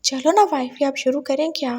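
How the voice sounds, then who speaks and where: A woman's voice: sits high, moderate pace, a little mellow, lightly acted. A woman voicing a drunk, childish young husband who whines and pleads like a little boy. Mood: childish pleading. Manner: whiny, babyish pleading.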